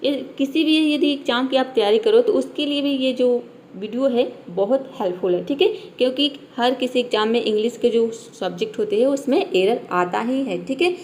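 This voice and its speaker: A woman's voice: fairly high pitch, normal speed, a little mellow, slight background noise. Patient woman teacher with a Hindi accent. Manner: patient, repeats "ठीक है" and asks herself questions. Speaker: English teacher. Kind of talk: classroom-style explanation.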